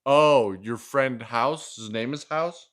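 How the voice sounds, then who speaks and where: At a children's storytime, a man reads a picture book slowly in a medium-pitched, slightly bright voice. He's expressive and playful, chatting with a child between lines, asking questions and repeating what the child says.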